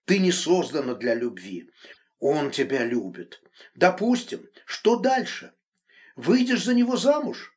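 Brief: male narrator doing an enraged, possessive married man in an audiobook, high and loud, shouts then hissed threats. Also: sing-song, unhurried. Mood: shouting. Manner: shouting accusations, then hissing low threats. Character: angry middle-aged married man, controlling and furious. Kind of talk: audiobook reading.

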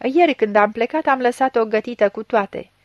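A woman's voice: on the high side, no echo, highs cut off, lightly acted. A woman reading a story aloud, voicing an agitated male landowner who shrills accusations. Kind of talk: audiobook reading.

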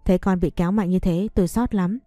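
A woman narrating a first-person story in a soft, earnest manner. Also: fairly low pitch, steady tone, fast talker, no echo, studio quality.

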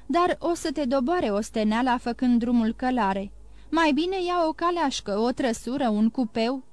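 A composed, solemn count who speaks with quiet authority, as a woman reads him in a storybook. The tone is fairly high for the part, and the sound is dry. He weighs every word. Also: animated, no room sound. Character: older nobleman count, calm and grave.

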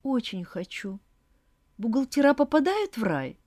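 A plaintive, whimpering young woman played by a woman reader in a storybook reading, sure she is dying. Her voice climbs high and moves around a lot, and it sounds dry and close. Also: very animated, a little slow, darkish tone, no echo. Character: whiny self-pitying young woman, a hypochondriac.

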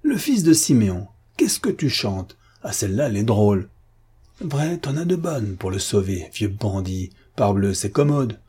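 A man reading aloud and voicing a hot-tempered young army captain who shouts threats forcefully. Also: lowish voice, sing-song, normal speed, husky, heavily acted. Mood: mocking.

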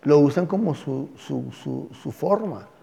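A man, a pastor teaching a Bible class and telling the stories with lively energy. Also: on the high side, measured pace, vocal fry, husky, in a large hall. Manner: lively storytelling, addresses class as "hijos".

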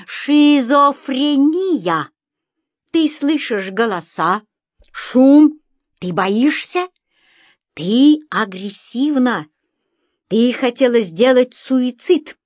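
A woman's voice: fairly low pitch, dry recording. Audiobook: scheming foreign husband, sly and curt, as a woman reader does him, broken Russian, dry read.

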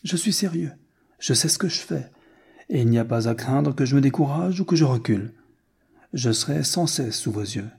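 A man's voice: medium pitch, lively intonation, moderate pace, creaky, darkish tone, slightly rough, pitched above the performer's own voice, exaggerated voice. A man reading the lines of a frank, determined rich American, blunt and earnest.

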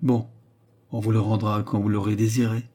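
A man voicing a greedy young courtesan, sharp, impatient and ironic, barely changing his own voice in an audiobook reading. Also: on the low side, level tone, moderate pace, natural voice.

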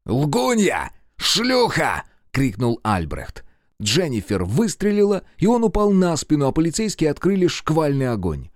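A man narrating an audiobook with steady, measured storytelling. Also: mid-range voice, dry recording, clean studio sound. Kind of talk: scripted narration.

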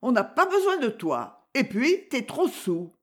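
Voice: high-pitched, big pitch swings, unhurried, a bit bright, voice pushed up, exaggerated voice. A reader voicing a dismissive underworld companion who brushes someone off with mockery. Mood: mocking. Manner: mocking, curt.

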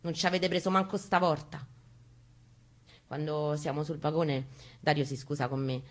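A woman reads a first-person narrative aloud as a stage reader, delivering it intensely, theatrically, and with heavy emphasis. Her voice is low-pitched and steady at a normal speed, backed by guitar music.

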